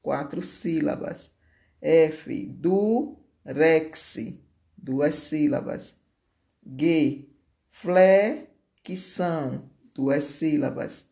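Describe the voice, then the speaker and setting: A teacher correcting homework exercises aloud, reading answers slowly and deliberately and stretching out key words. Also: medium pitch, little pitch movement, vocal fry, dark tone.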